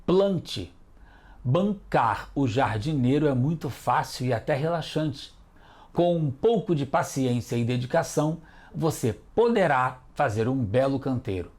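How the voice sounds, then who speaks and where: A man's voice: mid-range voice, darkish tone. A man hosting a children's educational TV lesson, patiently encouraging the kids as detectives. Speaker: teacher and host.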